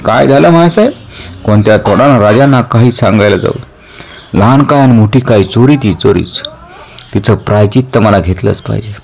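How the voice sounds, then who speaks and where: A man's voice: on the low side, normal speed, vocal fry, darkish tone. A man voicing an elderly, devoted guardian, speaking in anguished self-reproach. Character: elderly devoted guardian, guilt-stricken and stern.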